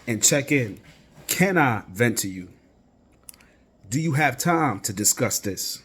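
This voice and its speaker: A man's voice: mid-range voice, slightly rough. Reflective man hosting a solo podcast. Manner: reflective, rambling, with frequent restarts and "right?". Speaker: podcast host. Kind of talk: casual solo podcast talk.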